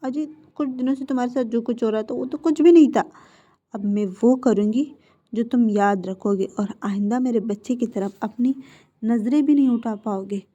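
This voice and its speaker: A woman's voice: lo-fi sound, lightly acted. A woman doing a cold, menacing mother. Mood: menacing, hushed. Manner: low, slow and quiet, often whispered. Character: stern mother turned cold, menacing avenger.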